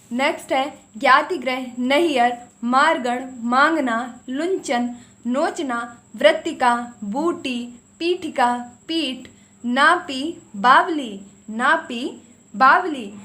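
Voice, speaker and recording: A woman teaching a vocabulary lesson for exam preparation. She drills words in quick lists, repeats the key items and talks firmly and directly to her viewers. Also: high voice, pushed and bright. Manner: addresses viewers directly in a firm, coaxing tone.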